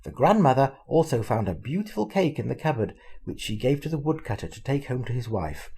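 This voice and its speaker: A man's voice: mid-range voice, a little fast, breathy edge. Older man reading a storybook aloud. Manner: expressive, animated storytelling.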